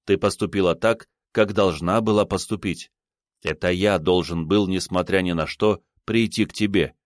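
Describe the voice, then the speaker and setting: A man's voice: low-pitched, moderate pace, no echo, studio quality, lightly acted. A man reading an ardent, fervent lover. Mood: resolute. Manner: fervent, repeating vows insistently.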